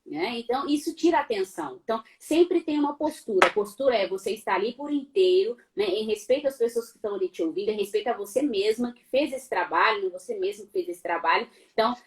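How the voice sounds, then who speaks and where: A woman's voice: mid-range voice, expressive, fast, few pauses, a little hiss or hum. A middle-aged woman with a Brazilian Portuguese accent, a law professor giving advice in a live online talk, posing rhetorical questions and playfully imitating sounds.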